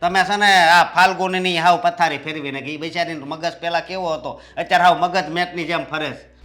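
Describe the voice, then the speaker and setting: A man's voice: on the high side, fairly even intonation, brisk, pushed and bright. A man playing an elder brother-in-law who lectures his rude sister-in-law sternly in rustic speech.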